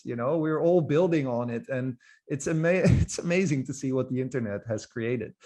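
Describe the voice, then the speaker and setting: A man's voice: a little high, darkish tone. A man from the Netherlands, giving an informal, enthusiastic presentation as a guest speaker, with occasional restarts. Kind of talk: presentation talk.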